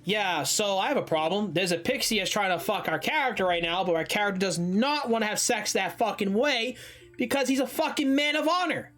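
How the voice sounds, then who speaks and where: A man's voice: sits high, animated, brisk, hardly any pauses, fairly bright tone, soft background music. A man streaming, chatting casually and profanely with his viewers while he reads a story.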